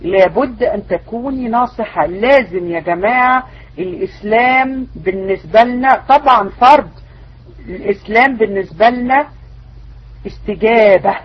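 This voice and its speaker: A woman's voice: on the high side, normal speed, breathy edge, lo-fi sound. A woman religious teacher with an Egyptian accent, giving an online lecture full of rhetorical questions and insistent warnings. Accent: Egyptian Arabic.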